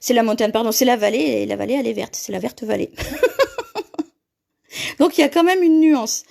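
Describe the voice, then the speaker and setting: A woman's voice: a little high, fast talker, vocal fry, darkish tone. A woman hosting a live paper-craft tutorial, chatting with viewers and laughing often as she reads their comments.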